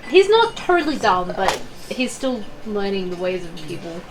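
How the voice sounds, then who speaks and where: A woman's voice: medium pitch, very animated, moderate pace, recorded from a distance. A woman talking casually as a player during a tabletop game. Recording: noisy room ambience.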